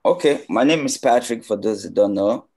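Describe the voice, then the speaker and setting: A man with a Nigerian accent, a video director recounting his career in a relaxed, conversational way over a video call. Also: mid-range voice, moderate pace, husky. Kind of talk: casual interview answers.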